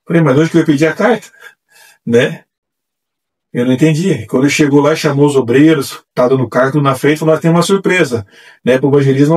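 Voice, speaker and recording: A man telling his testimony as a church evangelist, animated and acting out the voices he quotes. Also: a little high, breathy edge. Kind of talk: testimony storytelling. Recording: distant mic.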